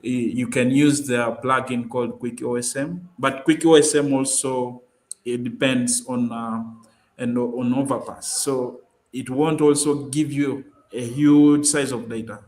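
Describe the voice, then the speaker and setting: A man's voice: mid-range voice, fairly even intonation, a little slow, darkish tone. Hesitant man explaining mapping tools. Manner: hesitant, many fillers and restarts. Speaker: guest speaker.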